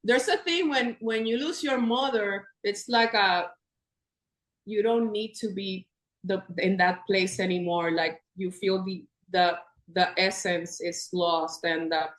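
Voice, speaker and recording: A Puerto Rican woman in her fifties, guesting on a podcast, chats freely in a casual interview, laughing often and restarting sentences. Her medium-pitched voice is fairly even and measured, in a roomy, rough recording.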